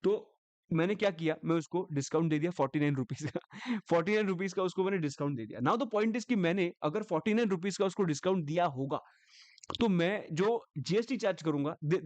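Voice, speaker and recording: A man with an Indian English accent leads an exam revision lecture, switching between Hindi and English as he goes. His voice sits a little high for a man, and the recording is close and dry with no room sound. He fires quick check-in questions at his students and slows right down on the key phrases. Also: a little mellow, dry recording, muffled recording. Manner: quizzing students with rhetorical questions, drawing out key phrases slowly; mixing Hindi and English in one sentence. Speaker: tax teacher.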